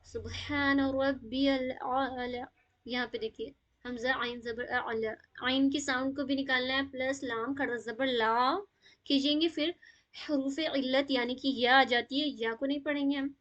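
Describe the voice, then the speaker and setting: High-voiced woman teaching tajweed. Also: fairly even intonation, fairly bright tone, muffled recording. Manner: patient, explains step by step, mixing in English words. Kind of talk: live online Quran recitation lesson.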